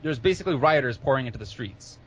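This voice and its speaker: A man running a tabletop game as game master, halting and restarting as he explains what happens. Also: medium pitch, expressive.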